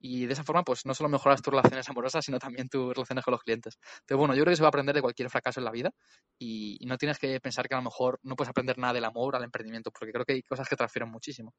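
A man in his twenties with a Castilian Spanish accent, speaking as an entrepreneur guest in a casual, slangy, animated interview chat. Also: medium pitch, very fast, no echo. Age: 20s.

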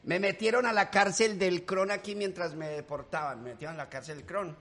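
A man's voice: sits high, steady tone, a little fast, fairly bright tone, voice pushed up. A man voicing a brash young male street thug from Medellín with a paisa accent, a slangy, boastful storyteller. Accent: Colombian paisa.

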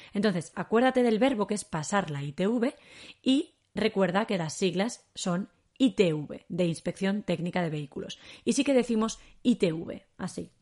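A woman from Spain with a Spain Spanish accent, teaching a podcast lesson and repeating words slowly for learners. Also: medium pitch, a little mellow.

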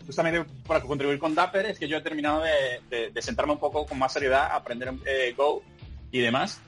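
A man talks tech in a relaxed, joking way, at an ordinary mid pitch. Faint music sits underneath his voice. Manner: relaxed, jokey, enthusiastic. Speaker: podcast co-host. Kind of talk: casual tech chat.

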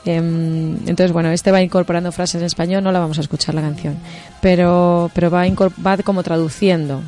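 A woman's voice: lowish voice, level tone, brisk, darkish tone, soft background music. Woman from explaining English usage. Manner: explanatory, mixes English words into Spanish. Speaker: English teacher presenting songs. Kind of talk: explaining radio chat.

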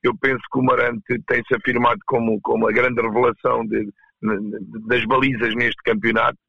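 A man with a European Portuguese accent answering as a coach in a casual interview, halting and repeating words as he goes. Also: medium pitch, flat delivery, gravelly, no echo, muffled recording. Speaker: roller hockey coach, interview guest.

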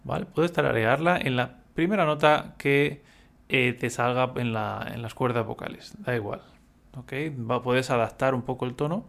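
A man's voice: medium pitch, moderate pace, vocal fry, fairly bright tone. A man teaching a music lesson, patiently explaining step by step and humming examples.

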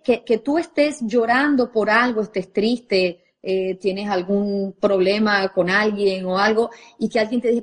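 A woman speaks as a parenting coach, talking straight to a live audience and pulling the listeners into what she says. Her voice sits a little high and has a husky edge. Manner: expressive, addresses the audience directly.

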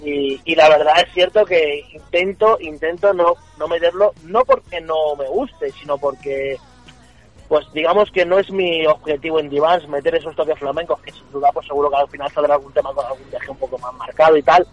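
A man from a band, a songwriter, answering radio interview questions in a relaxed, slangy way. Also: fairly high pitch, brisk, soft background music. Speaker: band member, guitarist-songwriter. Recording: slightly dull radio sound.

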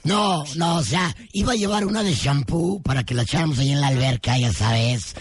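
A man's voice: on the high side, brisk, husky. A man joking on the radio in slangy banter.

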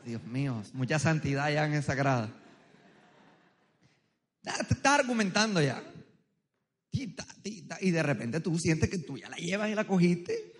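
High-voiced coastal preacher, joking. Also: male voice, very animated, moderate pace, pauses often. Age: adult, married. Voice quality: loud, strong voice. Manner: joking, storytelling, quizzing the crowd. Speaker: pastor. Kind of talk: humorous sermon with audience interaction. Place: large church hall with tiered seating. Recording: long reverb of a big hall.

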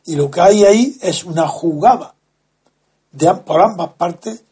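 A man, speaking as a guest in a slow, deliberate, lecturing way, leaning hard on key words. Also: sits high, warm tone, slightly rough. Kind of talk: measured explanatory talk.

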